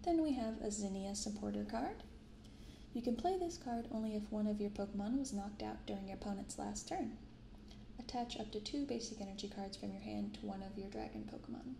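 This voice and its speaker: Here a young woman at a medium pitch hushes her way through a casual show-and-tell, opening cards for YouTube and chatting and reading aloud without hurry. It's soft-spoken ASMR on a close binaural mic, with a roomy sound and clear background noise.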